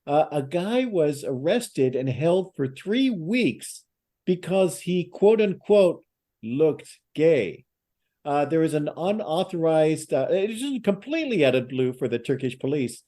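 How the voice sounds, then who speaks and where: A man hosting a podcast, relaying news stories in a relaxed, teasing way. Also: fairly high pitch, a little slow. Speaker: podcast host. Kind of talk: casual podcast chat.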